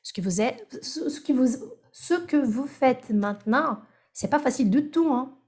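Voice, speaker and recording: A woman teaches French over a video call. She speaks slowly, drawing phrases out syllable by syllable so her students can copy the rhythm. Her voice sits a little higher than most. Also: animated, a little mellow, breathy edge. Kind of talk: online class drills.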